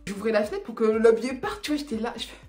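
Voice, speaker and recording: Young woman travel vlogger, slightly high voice, animated and slangy, laughs through her stories, echoey room with faint music. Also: fast. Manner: animated, slangy, laughs while telling mishaps. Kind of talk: casual storytelling to camera.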